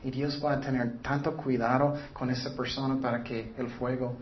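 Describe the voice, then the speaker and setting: A man's voice: medium pitch, level tone, normal speed, a little hiss or hum. A man preaching a sermon in an earnest way, often putting rhetorical questions to the listeners. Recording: dull lo-fi recording.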